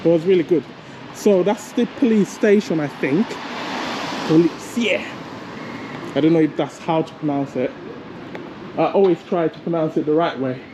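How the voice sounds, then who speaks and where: A man filming a casual travel vlog while walking city streets, chatty and rambling, often laughing at himself. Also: a little high. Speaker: travel vlogger. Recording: outdoor street noise with passing traffic.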